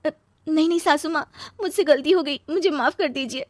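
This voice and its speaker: A woman doing a high, distraught young wife. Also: a little fast, no echo, clean studio sound, close to an everyday voice. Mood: tearful pleading. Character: young married woman, restless and emotional.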